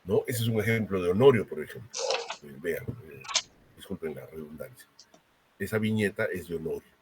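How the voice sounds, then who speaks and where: Low-voiced lecturer, explanatory, keeps asking "right?", slight room noise. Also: male voice, lively intonation, fairly quick. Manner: frequent tag questions, explanatory. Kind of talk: university lecture.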